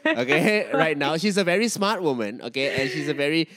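A Singaporean-accented man hosts a casual podcast in a higher-pitched, very animated voice. He talks in loose, sweary Singlish and circles back over his phrases. The sound is close and dry. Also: brisk, dry recording. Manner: colloquial, sweary, repeats phrases with Singlish particles. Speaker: podcast host.

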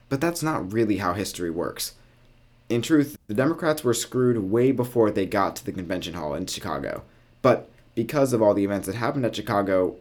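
A man's voice: lowish voice, darkish tone. A man hosting a podcast, reading scripted history narration with casual, wry asides. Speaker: podcast host.

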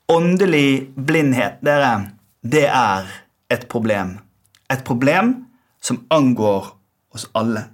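A Norwegian man delivers a sermon in a mid-range voice. He preaches in a measured way, often letting the ends of his phrases fall away quietly. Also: mid-range voice. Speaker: pastor.

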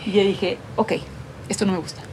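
A woman's voice: mid-range voice, a little fast, slight background noise. A woman, a professional footballer telling her story in a casual interview, acting out what people said. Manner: animated storyteller acting out quoted voices.

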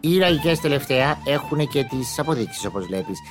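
A man's voice: on the high side, very animated, over music. A man delivering a casual comic monologue in a chatty, exclamatory way, with mock-indignant asides.

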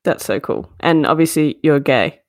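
A young woman with an Australian accent hosts a casual interview podcast. Her pitch is a bit low and the sound is very dry, without room echo. She speaks informally and effusively. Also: lively intonation, moderate pace. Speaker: podcast host.

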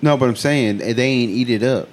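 A man's voice: mid-range voice, a little fast. A man casually bantering as a podcast co-host, talking in heavy slang and constantly saying bro.

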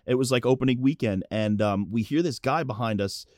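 A man co-hosting a podcast in casual chat, an animated storyteller who acts out the people he quotes. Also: medium pitch, a little fast, no echo, clean studio sound. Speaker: podcast co-host.

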